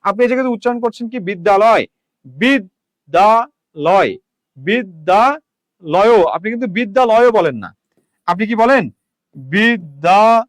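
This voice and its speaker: A man with a high voice and a Bangladeshi accent teaches a live online grammar lesson. He drags words out syllable by syllable and keeps asking viewers how they say them. The sound is dry and close, with no room echo. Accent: Bangladeshi Bengali. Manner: repeats words slowly, syllable by syllable; asks the viewers questions.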